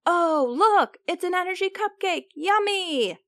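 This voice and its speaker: A woman voicing a dim, easily frightened little male germ in a children's storybook, with a squeaky, excitable way of talking. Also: a little slow, no echo, studio quality, heavily acted. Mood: delighted.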